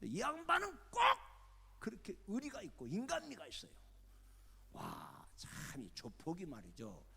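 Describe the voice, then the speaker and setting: Husky, animated older male pastor. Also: high-pitched, unhurried. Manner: lively storytelling, acting out the people in his stories. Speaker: retired senior pastor. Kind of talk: sermon. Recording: long church-hall reverb.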